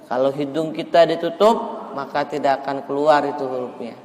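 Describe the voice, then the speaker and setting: A man teaching melodic Quran recitation in a mosque, explaining the rules calmly and then chanting verses slowly to show the tune. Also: medium pitch, big-room sound, slight background noise. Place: mosque hall.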